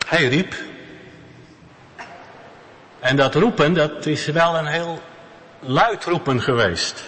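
A man preaching a sermon in a church, slow and emphatic, repeating key words. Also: mid-range voice, fairly bright tone. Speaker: pastor. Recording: long church reverb.

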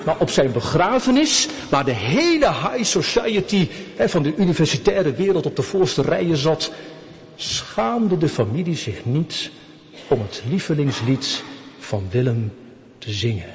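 Pastor guy preaching, voice swings up and down a lot, kinda high, church echo. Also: unhurried. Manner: lively preaching with rhetorical questions to the congregation. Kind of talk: sermon. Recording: long reverb of a church hall.

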